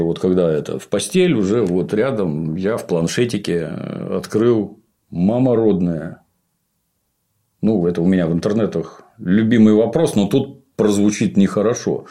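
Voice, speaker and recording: Hosting a casual podcast chat that doubles as a critical review, a middle-aged man speaks bluntly and sarcastically. His voice is fairly low and warm.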